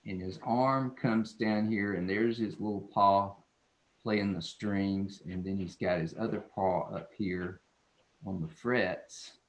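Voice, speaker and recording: Chatting as he draws, a man who illustrates children's books demonstrates his technique in a folksy, casual, playful manner, describing himself as silly. His lowish voice keeps a steady tone, and he takes his time.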